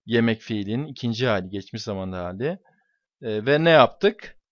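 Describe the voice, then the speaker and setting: A man's voice: on the low side, expressive, moderate pace, dry recording, highs cut off. A man teaching English to his students, explaining exam questions and stressing points by repeating key words.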